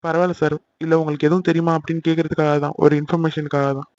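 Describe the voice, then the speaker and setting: A man voicing a polite, dutiful police officer who questions a victim in a courteous, matter-of-fact way, in an amateur animated serial. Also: fairly high pitch, rapid-fire, muffled recording, natural voice.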